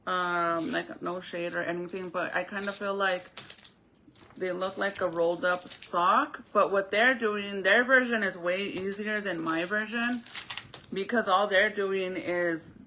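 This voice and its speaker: A woman's voice: on the low side, pushed and bright, a little hiss or hum. A woman chatting casually on a live stream as she explains a craft, speaking informally to viewers with a retainer in her mouth. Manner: informal, conversational, addresses viewers directly.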